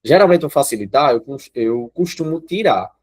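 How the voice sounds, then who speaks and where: A man's voice: mid-range voice, expressive, moderate pace. A man with a Brazilian accent teaching an online grammar class. He explains step by step and keeps checking in with his students. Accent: Brazilian Portuguese.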